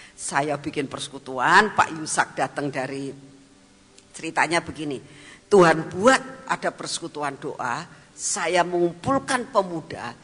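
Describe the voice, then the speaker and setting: A woman evangelist, preaching a storytelling sermon, animated and laughing, then dropping to whispered asides. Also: low-pitched, husky, in a large hall.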